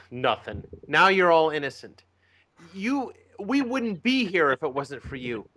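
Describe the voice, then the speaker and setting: A man's voice: fairly high pitch, very animated, unhurried, sharp tone. A man co-hosting a casual podcast, teasing and needling his friend. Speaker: podcast co-host.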